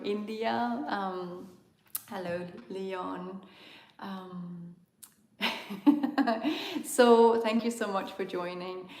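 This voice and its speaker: A Danish-accented woman from Denmark hosting a live online spiritual talk, speaking gently and searching for words with frequent ums. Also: medium pitch, roomy sound. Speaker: spiritual host of an online tour.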